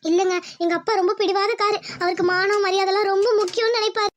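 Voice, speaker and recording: A woman's voice: very high voice, steady tone, fast talker. A woman voicing a young village bride in a cartoon, tender, pleading and emotional. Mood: tearful. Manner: pleading, emotional, calls her fiancé uncle-sweetly. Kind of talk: cartoon voice acting.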